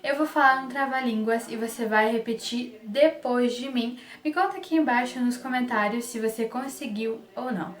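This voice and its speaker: A woman's voice: fairly high pitch, normal speed, few pauses. A Brazilian woman with a Brazilian Portuguese accent teaching a Spanish pronunciation lesson, patiently repeating example words. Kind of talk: online language lesson. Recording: echoey room, distant mic.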